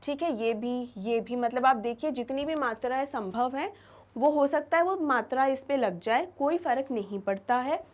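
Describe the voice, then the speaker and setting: A woman with a high voice teaches an English lesson to students. She explains in Hindi mixed with English and stretches out example words slowly. She repeats them for emphasis. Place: classroom-style studio lesson.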